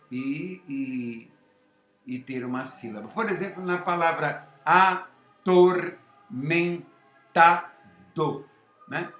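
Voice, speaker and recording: A man's voice: medium pitch, fairly bright tone. A man teaching a lesson on phonetics, explaining step by step and checking in with rhetorical questions. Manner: slow, deliberate explaining with many rhetorical questions. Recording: echoey room.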